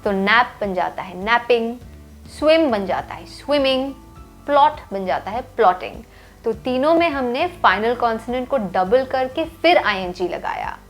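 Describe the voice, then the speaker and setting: A woman teaching English grammar rules in a clear, step-by-step way. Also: fairly high pitch, expressive, normal speed. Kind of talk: scripted lesson voice-over. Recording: faint music behind.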